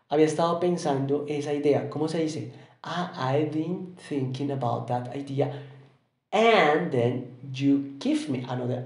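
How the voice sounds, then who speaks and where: A man's voice: fairly high pitch, a little mellow, reverberant. A man with a Colombian Spanish accent teaching English in an online lesson, explaining patiently and often checking with questions.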